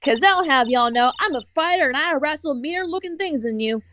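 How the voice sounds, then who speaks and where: A woman's voice: sits high, expressive, fairly quick, pushed and bright, slight background noise. A woman voicing a brash, feisty Southern country woman photographer with a folksy drawl. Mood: suspicious. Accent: American Southern.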